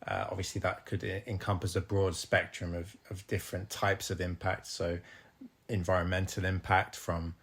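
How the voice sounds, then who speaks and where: Man, podcast co-host, very deep voice, halting, restarts. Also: level tone, fairly bright tone. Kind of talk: casual podcast chat.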